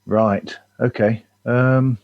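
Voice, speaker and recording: A man's voice: medium pitch, fairly even intonation, drawn-out words, no echo, phone-quality sound. A man hosting a podcast over a video call, chatting casually on a headset with frequent stammering restarts. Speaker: podcast host.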